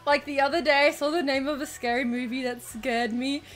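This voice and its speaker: A woman's voice: high voice, steady tone, fairly quick, soft background music. A woman chatting casually with her livestream viewers in a giggly, informal way, with some casual swearing.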